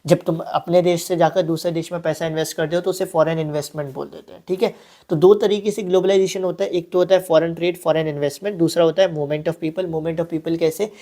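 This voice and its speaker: A man's voice: fairly high pitch, steady tone, fast, warm tone. A young man teaching an online exam-prep class in a casual, chatty way, often mixing in English terms and stopping for friendly asides.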